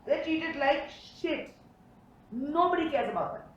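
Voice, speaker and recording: Woman panelist, posh Indian accent, higher voice, distant in a very echoey room. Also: expressive, unhurried, lo-fi sound, a little hiss or hum. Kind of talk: impassioned panel discussion.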